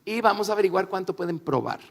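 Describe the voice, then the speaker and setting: A man interpreting a religious talk aloud, phrase by phrase, with measured emphasis. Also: sits high, lively intonation, gravelly. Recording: echoey hall, long reverb.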